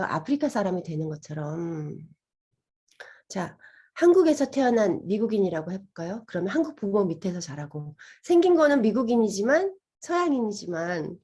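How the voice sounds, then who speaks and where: Breathy, lively woman lecturer. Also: mid-range voice. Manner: animated, asks listeners questions and acts out inner voices. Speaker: meditation and healing lecturer. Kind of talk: gentle lecture to an audience.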